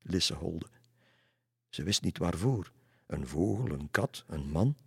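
A man narrating a spooky children's story in an expressive, suspenseful way. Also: low voice, slow pace, creaky, slightly rough, no echo, studio quality.

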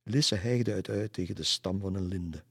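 A man calmly reading a children's story aloud. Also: deep voice, moderate pace, gravelly, breathy edge, no echo, studio quality.

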